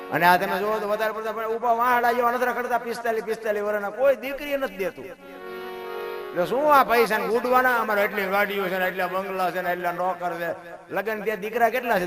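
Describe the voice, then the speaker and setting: A middle-aged man with a Kathiawadi Gujarati accent, giving an earthy, animated folk moral talk that swings between loud exclamations and low asides. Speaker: folk speaker.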